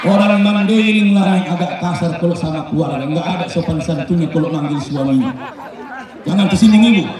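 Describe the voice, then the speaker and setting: A high-voiced man jokes through a moral speech, acting out small scenes. He speaks far from the mic and is drenched in heavy echo. A crowd murmurs behind him. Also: a little fast. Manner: joking, loud, acts out little dialogues. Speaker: speaker at a campaign welcome.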